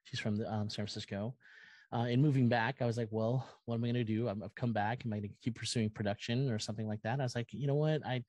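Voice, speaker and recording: Talking fast with fairly even intonation, this middle-aged Californian sounds mid-range and darkish. As a podcast guest who makes music and content, he rambles earnestly and effusively about himself in casual, personal interview talk. There's no room sound.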